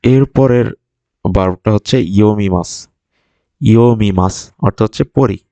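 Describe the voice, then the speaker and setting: A man's voice: lowish voice, moderate pace, mellow, dry recording. A male language teacher whose first language is Bengali, patiently explaining vocabulary and repeating each word to drill it in. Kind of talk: vocabulary lesson, explaining words.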